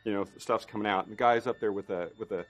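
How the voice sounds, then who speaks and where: A special effects artist telling a behind-the-scenes anecdote in a documentary interview, rambling with many fillers and restarts. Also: male voice, on the low side, fairly even intonation, quick pace, faint music behind.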